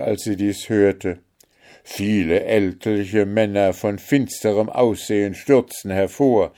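A man reading an old fairy tale aloud as narrator, measured and unhurried. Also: on the low side, warm tone. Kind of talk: storybook reading.

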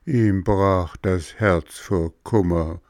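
A man doing a beetle's mournful monotone chant. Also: low-pitched, drawn-out words, no echo, studio quality, full character voice.

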